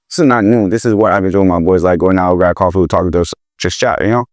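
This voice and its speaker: A Nigerian man with a deep voice and a Nigerian English accent hosts a podcast, keeping the chat casual, goofy and joking as he switches registers. The sound is clean studio quality with no room sound.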